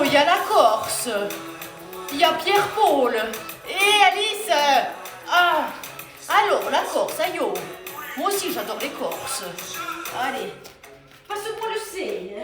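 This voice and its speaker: A high-voiced woman leads a live home ab workout, unhurried and chatty, joking between her exercise cues. Her voice rings around a roomy space with workout music playing behind. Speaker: fitness coach. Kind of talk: live workout coaching while reading chat.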